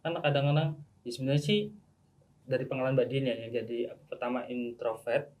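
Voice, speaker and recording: A man hosting a casual podcast interview, relaxed and hesitant, with many fillers. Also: medium pitch, brisk. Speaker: podcast host.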